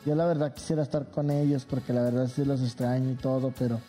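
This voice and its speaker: Male guest from León, Mexico; very dark tone, hesitant and shy, faint music bed. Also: medium pitch, steady tone, fast. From León, Guanajuato, Mexico. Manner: shy, hesitant, filler-heavy. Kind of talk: casual interview.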